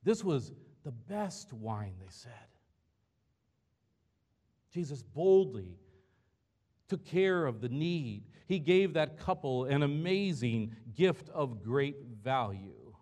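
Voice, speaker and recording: A man's voice: mid-range voice, sing-song, slow pace, darkish tone. A man pastor preaching a sermon in a church, earnest and conversational, asking the congregation rhetorical questions.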